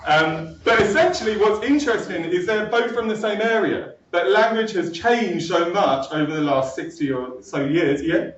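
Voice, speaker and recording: A man's voice: high-pitched, expressive, normal speed, few pauses. Young London man lecturing a class. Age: young adult. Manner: chatty, keeps checking in with "right?". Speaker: linguistics lecturer. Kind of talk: classroom talk to students. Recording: echoey room, far from mic, dull sound.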